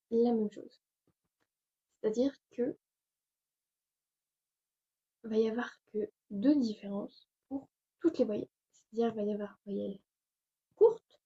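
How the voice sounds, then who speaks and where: A woman's voice: a little high, steady tone, slow pace, long pauses, husky. A young woman hosting a casual online language lesson, chatty and hesitant with many fillers, recorded at home. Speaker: language tutorial host. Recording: dull lo-fi sound.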